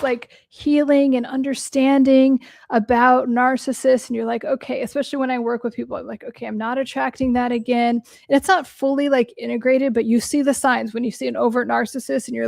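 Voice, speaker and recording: A woman's voice: a little high, gravelly, a little mellow, dry recording, clean studio sound. A young adult woman hosting a livestream as a therapist, talking bluntly and swearing freely while answering viewer questions, her voice cracking a little from a long day of talking. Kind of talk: casual livestream talk.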